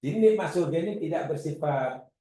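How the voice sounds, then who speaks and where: A man giving a religious class lecture, animated and acting out his examples. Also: on the high side, brisk. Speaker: religious teacher. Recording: echoey room.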